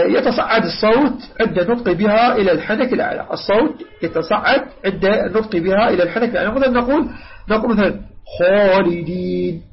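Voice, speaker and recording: A man teaching Quran recitation, who patiently draws out and repeats sounds to demonstrate them. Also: high-pitched. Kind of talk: tajweed lesson. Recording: dull lo-fi recording.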